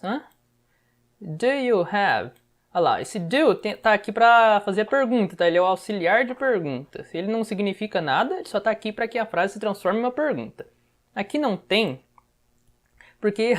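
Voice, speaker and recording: A woman with a Brazilian Portuguese accent teaching English casually, thinking aloud and tagging her sentences with quick check-ins. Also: medium pitch. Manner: chatty, thinks aloud, frequent "tá?" tags. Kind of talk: casual online language lesson.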